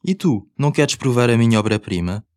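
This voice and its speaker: A man's voice: mid-range voice, lively intonation, fairly quick, darkish tone, no echo, studio quality. A man with a European Portuguese accent reading scripted language-course dialogue, carefully enunciated.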